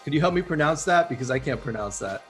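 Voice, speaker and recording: A man's voice: a little high, expressive, quick pace, faint music behind. A man hosting a podcast, talking in a laid-back, slangy way and laughing easily. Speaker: podcast host. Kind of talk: casual podcast chat.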